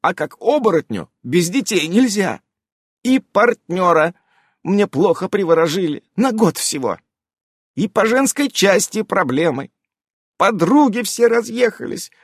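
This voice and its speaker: A man's voice: sits high, very animated, unhurried, slightly rough, no echo, clean studio sound, voice pushed up, full character voice. A man voicing a fawning, guilty young female fox werewolf witch who whines and ingratiates herself, in a read-aloud story. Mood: whiny. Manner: whining, ingratiating.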